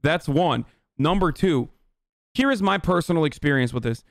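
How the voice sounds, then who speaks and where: A man in his thirties from Turkey, ranting bluntly and profanely as a political streamer in a heated livestream commentary, at home on a boom-arm studio mic. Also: animated, moderate pace, vocal fry, dry recording. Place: home room, indoors.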